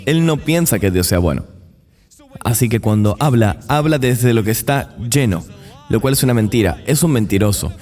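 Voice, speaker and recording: A man's voice: mid-range voice, a little mellow, in a large hall. A man preaching a sermon in an earnest, emphatic way, with the odd dry aside.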